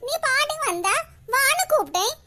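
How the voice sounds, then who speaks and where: This is a loud, scolding village mother from a Tamil cartoon, voiced by a woman. She speaks with a Kanyakumari Tamil accent in a very high, shrill voice. Her manner is exasperated nagging. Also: lively intonation, fairly quick, full character voice.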